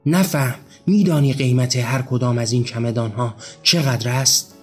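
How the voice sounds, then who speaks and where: A man's voice: mid-range voice, a little mellow, breathy edge, faint music behind, natural voice. A man voicing a bitter young male laborer, barking harsh commands and insults.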